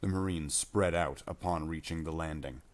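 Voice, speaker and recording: Scripted science fiction is read by a man with a bass voice at a moderate pace. He keeps to a plain audiobook narration and doesn't do character voices.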